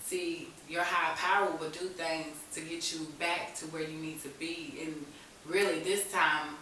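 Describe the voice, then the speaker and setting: A woman with a low, steady voice tells her own recovery story as a talk show guest, unhurried yet bright and forceful. She speaks candidly and with resolve, keeping it personal and conversational. The recording comes from a very echoey room with a distant mic and audible hiss.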